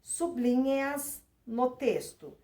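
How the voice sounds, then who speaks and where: A woman's voice: sits high, expressive, takes it slowly, mellow, far from the mic. A woman teacher, patiently explaining a textbook lesson to her class and checking in with tag questions. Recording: roomy sound, voice away from the mic.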